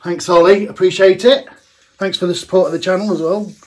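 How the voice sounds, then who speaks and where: A man's voice: high voice, steady tone, fairly quick, a little mellow. A man, chatting casually as he tastes a homebrewed beer in a small home brewing room, thinking aloud with plenty of fillers. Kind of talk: casual tasting vlog.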